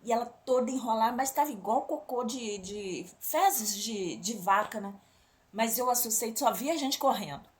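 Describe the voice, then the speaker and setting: A woman's voice: fairly high pitch, lively intonation, normal speed. A woman with a Brazilian accent telling a religious testimony to a congregation, often turning to the listeners as brothers and sisters. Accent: Brazilian Portuguese. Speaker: church member giving a testimony.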